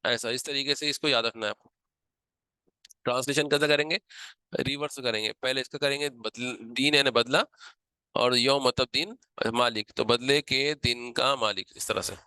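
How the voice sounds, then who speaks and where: A man's voice: mid-range voice, fairly even intonation, normal speed, pushed and bright, clear, resonant tone, no room sound. A man teaching a grammar lesson, explaining patiently step by step and repeating key points.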